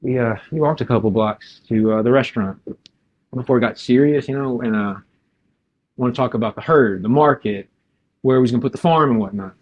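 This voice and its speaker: An actor playing a shiftless, rough-talking man, in a live staged reading. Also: mid-range voice, brisk, dull audio, a little hiss or hum, lightly acted. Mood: rambling. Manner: rambling, hesitant, folksy grammar.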